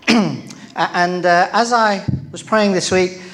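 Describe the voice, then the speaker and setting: A man preaching in church, his voice sitting a little higher than most men's. He talks to the congregation in a loose, chatty way, with plenty of ums and direct questions. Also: slow, a bit bright. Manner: conversational, with many fillers and questions to the congregation. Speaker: pastor. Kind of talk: sermon.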